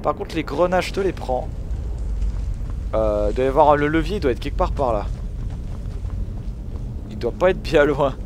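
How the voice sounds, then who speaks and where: A man giving excitable gameplay commentary, swearing and shouting at the game as he plays. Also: a little high, normal speed, long pauses, slight background noise. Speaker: gaming video host.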